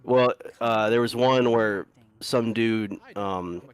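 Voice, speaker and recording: Low-voiced man telling rambling stories. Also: slow, smooth. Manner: rambling storyteller, swears freely, laughs at his own stories. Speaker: gamer and co-host telling stories. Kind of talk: casual chat.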